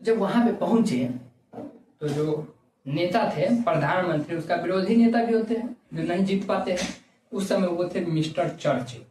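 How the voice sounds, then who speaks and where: A man's voice: sits high, normal speed, a little mellow, echoey room. Man, classroom lecture, repeats questions and answers, distant mic, faint noise. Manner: drills facts by asking and answering his own questions. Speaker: history teacher. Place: classroom with a whiteboard.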